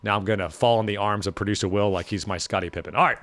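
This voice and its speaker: A man hosting a podcast, wrapping up the episode in a casual, upbeat way, his voice raspy and hoarse from being sick. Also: on the low side, fairly bright tone. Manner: fast, upbeat chatty delivery. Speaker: podcast host.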